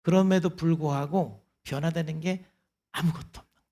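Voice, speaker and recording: A man's voice: a little high, fairly even intonation, fairly quick, dark tone. A man preaching a sermon as pastor, explaining in an earnest, conversational way. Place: church service.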